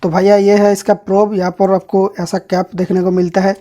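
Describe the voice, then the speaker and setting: A man's voice: sits high, flat delivery, fairly quick, warm tone. A man hosting an electronics channel, casually unboxing and reviewing a device and explaining each part to viewers as he handles it.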